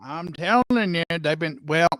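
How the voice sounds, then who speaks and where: High-voiced folksy man. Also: measured pace, a bit bright, no echo, rough recording. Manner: folksy, sighing, dramatic. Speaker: co-host. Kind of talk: comic small-town gossip chat.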